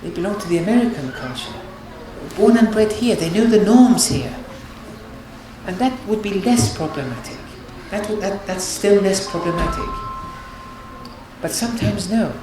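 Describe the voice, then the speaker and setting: A woman's voice: medium pitch, expressive, moderate pace, background noise. Earnest woman lecturing in an echoey hall. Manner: earnest, repeats words and restarts phrases. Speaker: marriage counsellor and lecturer. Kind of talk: religious lecture on marriage.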